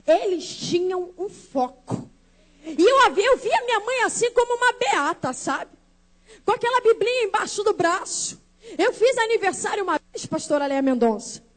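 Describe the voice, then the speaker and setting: Very high-voiced woman giving a church testimony. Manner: dramatic storytelling, acting out voices of family. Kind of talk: emotional testimony sermon.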